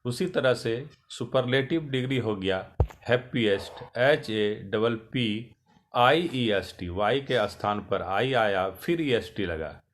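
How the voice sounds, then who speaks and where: Very slow male teacher. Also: mid-range voice, animated. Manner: slow, spells out words letter by letter. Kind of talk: grammar lesson.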